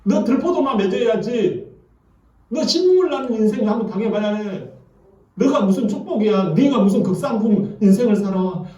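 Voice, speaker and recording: Man doing a stern scolding God, lower and hushed, echoey room from afar. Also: expressive, moderate pace. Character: stern scolding male God refusing a blessing. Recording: echoey church from far off.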